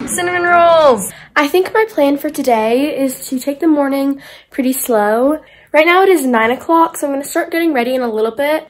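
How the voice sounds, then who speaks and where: Teen girl vlogger, pretty high voice, upbeat, phone held out, talking thru her plans for the day. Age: teens. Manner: upbeat, walks through her day's plans step by step. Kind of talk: casual travel vlog narration. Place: indoor rooms of a condo and a car. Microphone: phone at arm's length.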